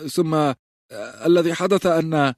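A flustered young guard, put on by a male audiobook narrator who stammers and apologizes. The voice is pushed high above the reader's own. The recording is dry and close. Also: steady tone, moderate pace, no echo, close to an everyday voice. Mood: nervous.

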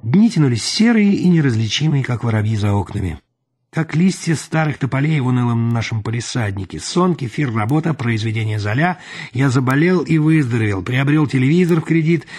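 A man's voice: mid-range voice, lively intonation, a little fast, darkish tone, slightly rough. A man reading a story aloud in a dry, ironic storyteller's manner. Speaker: narrator. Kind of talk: audiobook reading. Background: music.

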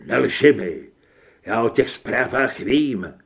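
Brief: man doing an enraged hunter at gunpoint, loud, swearing, audiobook. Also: medium pitch, gravelly, lightly acted. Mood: furious. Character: furious cornered male monster hunter.

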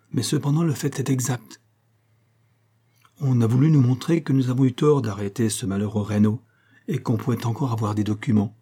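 A man reading the part of a dignified, fatherly male government minister in an audiobook, speaking gravely. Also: medium pitch, warm tone, lightly acted.

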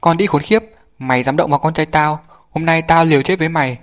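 A man voicing a short, stout mother, a woman who shouts curses in a fight. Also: a little high, quick pace, voice pushed up, lightly acted. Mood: cursing fury. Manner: cursing shouts.

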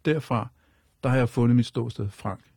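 Gravelly, husky man telling his story. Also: mid-range voice, a little mellow, no echo, clean studio sound. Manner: rambling and repetitive, leaning on fillers. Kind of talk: personal storytelling on radio.

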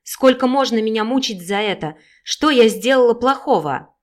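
A woman's voice: a little high, expressive, normal speed, lightly acted. A woman doing a hurt, pleading teenage girl. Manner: soft, pleading, tearful.

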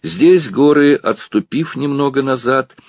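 A man's voice: medium pitch, measured pace, a little mellow, no echo. A man narrating a literary audiobook expressively. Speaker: audiobook reader.

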